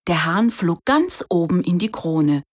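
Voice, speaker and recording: A woman narrating a fairy tale from a script in a slow, expressive storytelling manner. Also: fairly low pitch.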